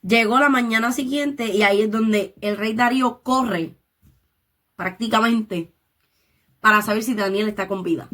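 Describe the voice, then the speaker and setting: Slow-spoken woman teaching the Bible. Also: a little high, pushed and bright. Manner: slow, deliberate explaining with English interjections; reads scripture aloud and paraphrases it.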